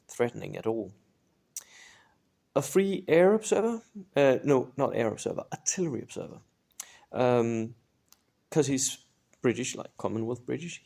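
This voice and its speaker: Gravelly man chatting through a wargame list. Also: medium pitch, a little mellow. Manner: chatty, filler-heavy, often asks "right?". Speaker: tabletop wargame tutorial host. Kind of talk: casual army list review.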